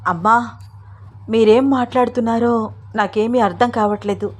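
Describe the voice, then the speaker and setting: A woman's voice: on the high side, steady tone, normal speed, darkish tone, natural voice. A woman voicing a confused, earnest young man in a storybook reading, pleading and puzzled.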